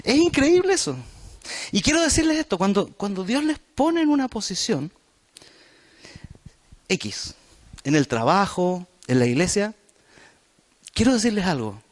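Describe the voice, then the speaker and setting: Lively, high-voiced Chilean pastor preaching. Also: male voice, measured pace, pauses often. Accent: Chilean Spanish. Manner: lively, conversational preaching with asides to the congregation. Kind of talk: sermon. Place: church.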